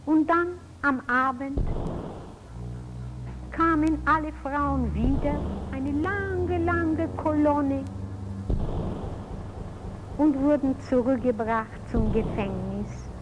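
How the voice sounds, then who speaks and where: A woman giving spoken testimony about prison memories, telling her story in a slow, grave manner and often repeating phrases. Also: high-pitched. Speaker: witness recounting prison camp memories. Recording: dull lo-fi recording with loud gunfire and vehicles behind. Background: loud artillery fire and vehicle noise.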